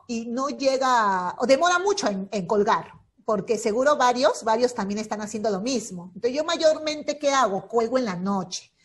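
A woman teacher giving an online lesson on a video call, patiently repeating key points and checking in constantly with her students. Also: fairly high pitch. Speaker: secondary school teacher. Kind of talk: online class explanation.

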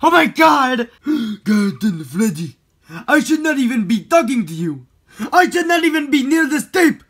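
A dim, jumpy male animatronic bear, as a performer puts him on in a homemade puppet skit. The voice is bright and sharp and climbs and drops all over. He keeps lurching from yelling to mumbling under his breath. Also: high-pitched, very animated, normal speed, slightly rough, voice pushed up, exaggerated voice. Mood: panicked. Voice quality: swings from shouting to mumbling.

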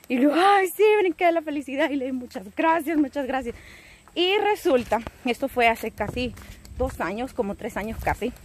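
A woman telling a rambling, animated story to her vlog audience while outdoors. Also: on the high side, slight background noise. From El Salvador. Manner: rambling, animated, self-teasing. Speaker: vlogger.

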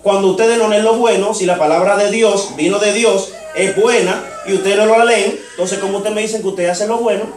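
A male preacher with a high voice tells a story from the pulpit and voices each side of the dialogue. He sounds a little distant from the mic. His voice rings around a large, echoey church. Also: fairly even intonation, fairly quick, few pauses. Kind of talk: sermon. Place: church sanctuary.

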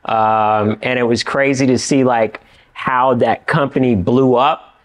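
A middle-aged man from California chatting as a guest in a studio interview. He talks with animated energy and keeps checking in with "you know what I mean". His pitch sits in an ordinary middle range for a man. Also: unhurried. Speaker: actor and writer, interview guest. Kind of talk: casual interview chat. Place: indoor studio with dark backdrop.

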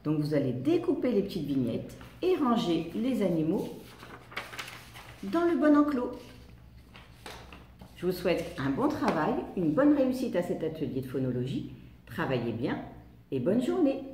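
A woman teacher giving a lesson to young children, talking slowly in a sing-song way and stretching out sounds. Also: fairly low pitch, sing-song, warm tone, echoey room, recorded from a distance, slight background noise.

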